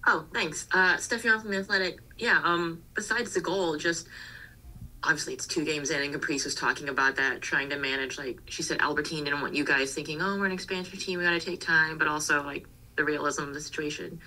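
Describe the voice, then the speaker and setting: A woman's voice: low-pitched, steady tone, fairly quick, bright, forceful tone, low-quality recording. A woman sports reporter asking long, rambling questions at a press conference.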